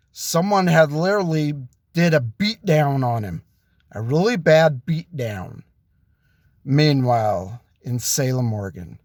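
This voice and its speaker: Slow, halting male storyteller. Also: fairly high pitch, no echo, clean studio sound. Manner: slow, halting delivery with restarts. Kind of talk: improvised story narration.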